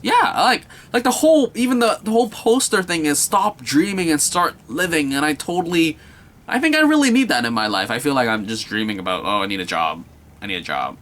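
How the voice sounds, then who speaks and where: A man's voice: on the high side, a bit bright. A young man giving a casual, enthusiastic movie review, rambling and repeating himself with many filler words.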